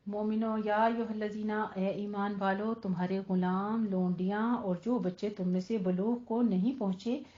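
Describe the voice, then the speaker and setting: A woman teaching Quran recitation rules in a tajweed lesson, explaining slowly and drilling words over and over. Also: mid-range voice, warm tone, muffled recording. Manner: slow, instructive, drills words repeatedly.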